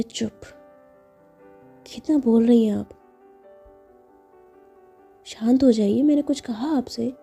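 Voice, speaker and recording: A woman's voice: mid-range voice, warm tone, husky. A woman narrating a love story in a chatty way, speaking directly to her listeners.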